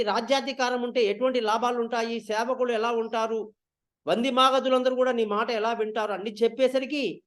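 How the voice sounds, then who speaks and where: A man retelling an epic story in an animated way, acting out the dialogue. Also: extremely high pitch.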